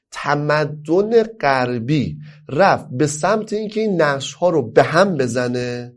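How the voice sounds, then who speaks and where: A man from Iran gives a lecture on family life. He is emphatic, asks rhetorical questions and answers them himself, and draws key phrases out slowly before speeding up. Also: medium pitch, a little mellow.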